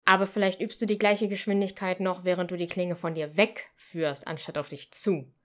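A woman's voice: lowish voice, steady tone, moderate pace, natural voice. A woman reading a teasing cook. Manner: teasing, warning. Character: teasing older male cook, gently warning.

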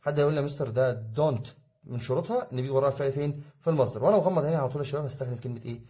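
A man's voice: mid-range voice, very fast, dark tone. A man with an Egyptian Arabic accent teaching an exam review lesson, asking his students questions and answering them himself. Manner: addresses students as guys, drilling rules. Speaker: English teacher.

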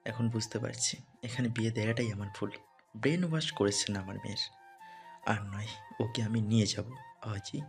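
A voice actor playing a tired, stern middle-aged father in an audio drama, speaking low and pleading. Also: steady tone, moderate pace, pauses often, faint music behind, close to an everyday voice. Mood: angry.

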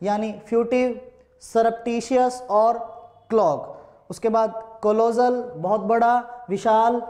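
High in pitch with a darkish tone, a man with an Indian accent teaches English vocabulary in a classroom-style online lesson. He asks one question again and again, spells words letter by letter, and drills them through repeated call-and-answer.

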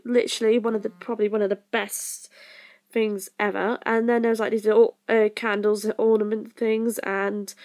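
A young woman narrating her own travel vlog in a casual voice-over, rambling with lots of fillers and self-corrections. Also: on the high side. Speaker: vlogger.

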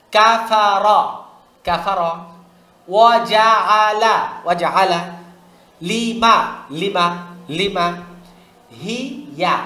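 A man from Bangladesh teaching Quran pronunciation online, explaining in a conversational tone and drilling each syllable slowly and repeatedly. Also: sits high, sharp tone, echoey room, slight background noise. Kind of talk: online tajweed lesson.

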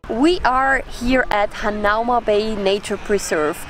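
A woman's voice: medium pitch, takes it slowly, a bit bright, faint music behind, poor audio. A woman in her thirties, a Swiss German native speaker, describing places to camera as a travel vlogger. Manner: informative, plain-spoken. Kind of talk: casual travel vlog narration. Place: outdoors on a windy beach.

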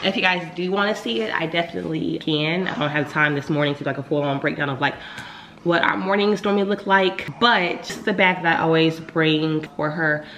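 Congested young woman vlogging, low voice. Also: brisk, a bit bright, echoey room, a little hiss or hum. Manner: chatty, lots of filler words. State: congested, deep from a cold. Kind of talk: casual vlog chat. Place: home, indoors.

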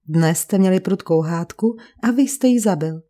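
A woman's voice: on the low side, dark tone, lightly acted. A woman reading the lines of a stern male magistrate who questions a suspect coolly, in an audiobook. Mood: cool, probing. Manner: cold, questioning.

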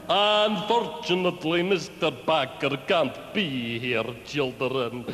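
A theatrical vampire dog count for a children's show. The is hammed up, with slow, menacing, wildly swooping phrases. Everything echoes in a long reverb. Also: male voice, fairly high pitch.

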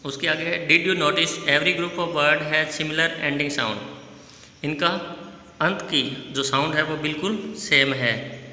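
Bright-voiced teacher spelling words slowly. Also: male voice, fairly high pitch, steady tone. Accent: Indian Hindi-speaking. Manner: spells words letter by letter and repeats them slowly. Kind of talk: classroom lesson explaining English words in Hindi. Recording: echoey room with long reverb.

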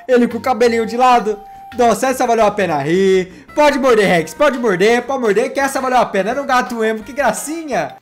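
A man, hosting his channel and reacting to funny cat clips in an excitable, playful way, teasing himself and his pets. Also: very high-pitched. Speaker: YouTube gaming host.

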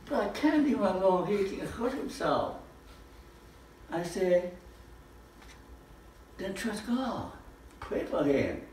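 Recorded from a distance by a far camera, this older lecturer teaches casually in a living room that has a projector screen, posing rhetorical questions and waving his arms widely. His high voice is very animated yet slow, with long pauses and a slightly mellow quality. The echoey audio carries a faint hiss or hum.

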